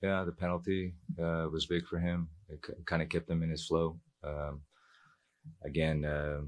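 A man in his forties, a football coach speaking at a post-match press conference into a table mic, measured and reflective with many fillers. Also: very deep voice, flat delivery. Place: press room.

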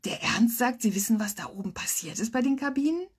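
A woman's voice: on the high side, animated, fairly quick, breathy edge, voice pushed up. A blunt older man on a sun lounger, read by a woman asks straight out, curious and direct. The voice stays near the reader's own.

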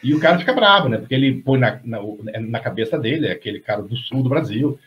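A man's voice: medium pitch, expressive, fast talker. A middle-aged Brazilian man, a novelist, talking on a video call in a rambling way, full of restarts and tag questions. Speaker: guest novelist. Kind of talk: casual discussion on video call. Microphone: webcam on video call. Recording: slightly dull lo-fi sound.

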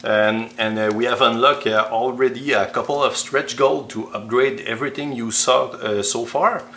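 A man's voice: medium pitch, steady tone, moderate pace, sharp tone, reverberant. A man with a French accent, a game designer non-native in English, talking through a solo board game with many hesitant fillers as he counts cards aloud.

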